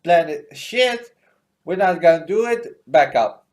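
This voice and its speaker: A man's voice: high voice, animated, measured pace, darkish tone. Man doing a panicky young terrorist. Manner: panicky, pleading. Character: nervous young male terrorist.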